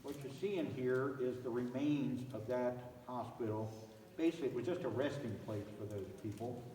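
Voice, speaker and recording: A man working as a cave tour guide, telling stories in a relaxed way with filler "uh"s, his voice echoing through a large underground cave. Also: medium pitch, normal speed. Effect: echoing cave acoustics. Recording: roomy cave echo, voice from far off.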